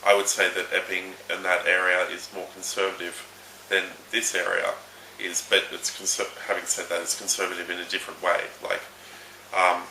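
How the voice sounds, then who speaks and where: Australian man, deep monotone, sharp bright tone, halting and self-correcting; roomy recording with faint noise. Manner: hesitant, keeps correcting his own words. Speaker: interviewee. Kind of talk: reflective interview talk.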